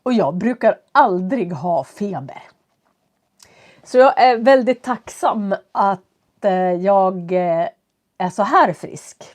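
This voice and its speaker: A woman with a stuffy nose and a cough, teaching from home and talking slowly and clearly for learners as she greets viewers on a live stream. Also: mid-range voice, lively intonation, darkish tone. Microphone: computer setup.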